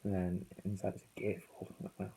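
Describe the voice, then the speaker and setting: Very dark, muffled, low-voiced British man. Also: completely flat delivery, a little fast, vocal fry, breathy edge. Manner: rambling, hesitant, self-correcting. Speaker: vinyl album reviewer. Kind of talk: casual, unscripted vlog chat. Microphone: failing phone.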